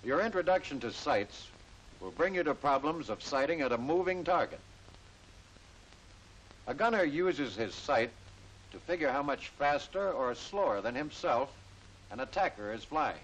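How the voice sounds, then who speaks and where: A man's voice: on the high side, animated, muffled recording. Hissy vintage American male training-film narrator. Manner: formal, instructive, measured phrasing. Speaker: military gunnery instructor. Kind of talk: scripted 1940s-50s newsreel-style training film narration.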